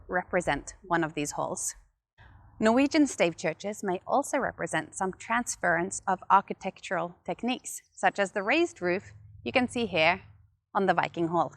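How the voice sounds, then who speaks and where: A woman giving a scripted guided tour as a museum guide, explaining things in a calm, measured way. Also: on the low side.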